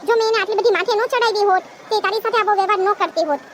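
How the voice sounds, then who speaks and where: A woman's voice: very high-pitched, racing. A woman voicing a kind, regretful elderly mother-in-law in a cartoon, tender and apologetic. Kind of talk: cartoon voice acting. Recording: noisy background hiss.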